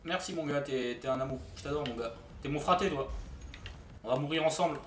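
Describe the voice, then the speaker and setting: A man's voice: on the high side, a little fast, roomy sound, distant mic, a little hiss or hum. A man streaming a shooter game, chatting casually with his viewers and joking in mock outrage. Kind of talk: casual live-stream commentary.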